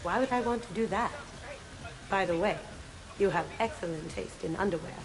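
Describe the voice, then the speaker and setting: A woman's voice: mid-range voice, normal speed, background noise, natural voice. A woman playing a mischievous, sly thief in a video game, playful and unabashed.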